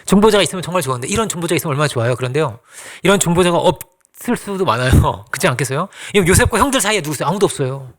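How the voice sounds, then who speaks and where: A man preaching a conversational sermon as pastor, acting out quoted lines and dropping to soft asides. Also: a little high, lively intonation, rapid-fire, hardly any pauses.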